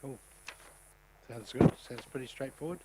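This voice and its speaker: A man who chairs a local council meeting as mayor. He has a New Zealand accent, talks in a relaxed way with many ums, and speaks up when he calls the votes. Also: medium pitch, normal speed, heavy background noise.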